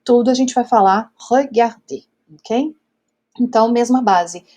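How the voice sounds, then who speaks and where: A woman's voice: on the high side, measured pace, mellow. A Brazilian woman teaching French grammar step by step, patient, checking in often with her students. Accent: Brazilian Portuguese. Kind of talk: whiteboard grammar lesson.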